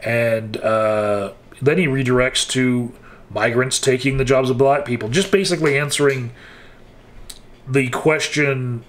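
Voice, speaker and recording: A man at an ordinary mid pitch delivers casual, frank commentary. His tone is wry, and he often pauses, hesitates and restarts mid-sentence as he thinks aloud. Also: steady tone, slight background noise. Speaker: political commentator.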